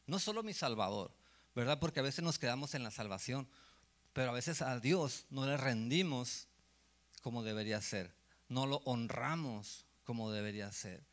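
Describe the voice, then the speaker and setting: A man preaching an evangelical sermon to a congregation, conversational and given to repeating words, growing loud and urgent. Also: mid-range voice, expressive, moderate pace. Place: church hall with congregation.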